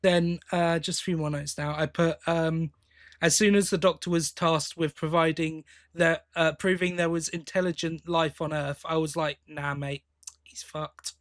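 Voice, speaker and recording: His fairly high voice stays level at a moderate pace as this British man co-hosts a podcast. He teases in a blokey, casual way during the fan review chat.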